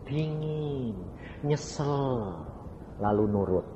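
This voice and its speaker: Preacher guy, swings his pitch all over, long echo, faint noise behind. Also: drawn-out words. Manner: animated storytelling, asks the congregation questions. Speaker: evangelist preacher. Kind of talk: sermon. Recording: reverberant hall with faint background noise.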